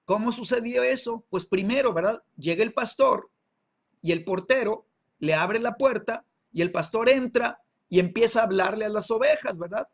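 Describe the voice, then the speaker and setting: A man's voice: high-pitched, moderate pace. A man teaching an online Bible class, checking in with listeners through constant tag questions and repeating words while he searches for the next one. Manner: peppers speech with tag questions.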